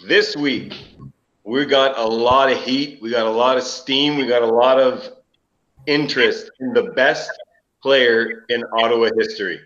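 A man's voice: mid-range voice, fairly even intonation, a bit bright. A man hosting a casual chat, his voice sounding like he is in a cave, recorded on an old laptop mic in a basement. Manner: brisk, jokey, runs the segments. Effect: cave-like echo from a basement laptop mic. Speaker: podcast host. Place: basement room. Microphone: old laptop built-in mic. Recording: echoey, dull lo-fi laptop mic.

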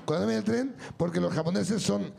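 Joking man, gravelly high voice. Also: a little fast, a little mellow. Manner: rambling storyteller, crude, joking. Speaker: host. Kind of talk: live comedy show, drinking game. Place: stage with live audience. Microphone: handheld microphone.

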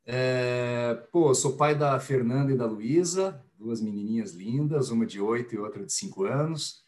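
A man in his forties from Curitiba, Brazil, with a Curitiba Brazilian Portuguese accent, a podcast guest talking in a relaxed, friendly, chatty way. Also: mid-range voice, a little slow. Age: 40s. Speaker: podcast guest, business executive. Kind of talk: casual podcast chat.

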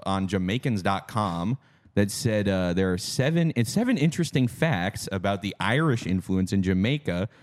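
Low-voiced man presenting a comic theory. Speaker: podcast co-host. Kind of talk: comedic conspiracy presentation.

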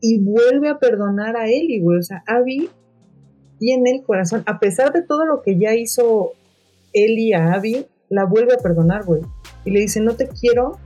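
A woman's voice: on the high side, normal speed, warm tone, soft background music, rough recording. A Mexican woman chatting casually and opinionatedly about a video game, with plenty of slang and swearing.

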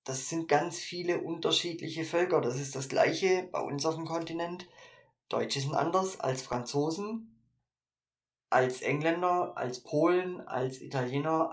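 A man with a slightly raised voice talks through ideas on a casual podcast. He thinks aloud, pausing on fillers and restarting his sentences as he goes. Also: a little high. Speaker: podcast co-host.

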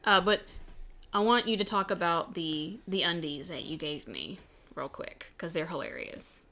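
Young woman cohost, bit low pitched but bright, teasing and chatty, says like a lot. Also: normal speed. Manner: playful, teasing, chatty with many fillers. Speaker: podcast co-host. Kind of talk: casual couples podcast chat.

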